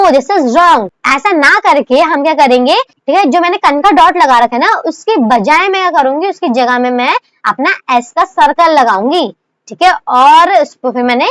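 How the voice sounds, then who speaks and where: A young woman explains shorthand strokes in a lesson, high in pitch and patient. She checks in constantly and poses questions to herself. The sound is dry and close, with no room around it. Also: no room sound. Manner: patient, repeats "theek hai" and rhetorical questions, mixes English terms into Hindi. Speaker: shorthand teacher. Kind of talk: recorded lesson explaining by demonstration.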